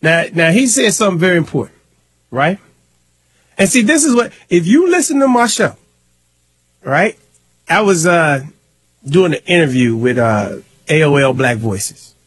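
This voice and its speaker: Husky, emphatic male radio host. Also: on the high side, big pitch swings, normal speed, long pauses, no echo. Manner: emphatic, impassioned, repeats for stress. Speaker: radio talk show host. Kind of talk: call-in radio talk.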